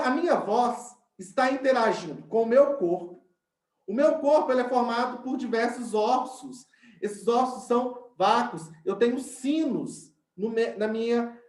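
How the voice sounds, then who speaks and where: A man's voice: extremely high pitch, darkish tone. Male teacher, explains step by step and often checks that the class follows, in a roomy echoey space. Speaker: science teacher. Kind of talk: online class lesson.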